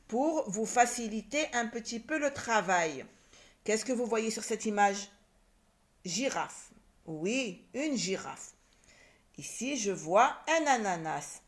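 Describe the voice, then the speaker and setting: A woman teaching young children to read, sounding out words syllable by syllable and repeating them. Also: a little high. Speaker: primary school teacher. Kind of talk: reading lesson for young children.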